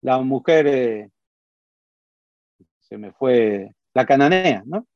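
A man preaching a sermon, telling Bible stories in a lively way and acting out the characters with voices. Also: mid-range voice, takes it slowly, no room sound, lo-fi sound. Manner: lively storytelling, acts out Bible scenes with voices.

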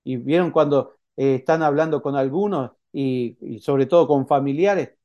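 Conversational Rioplatense preacher, dark-toned. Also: male voice, medium pitch, moderate pace, dull audio. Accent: Rioplatense Spanish. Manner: conversational preaching with frequent "¿eh?" tags and acted quotes. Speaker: pastor. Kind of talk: sermon.

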